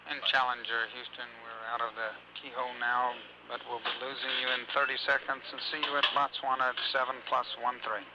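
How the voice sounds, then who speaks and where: A man working as a mission control communicator, making crisp, procedural radio check-ins with a spacecraft. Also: medium pitch, little pitch movement, brisk, hardly any pauses. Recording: muffled noisy radio link with beeps.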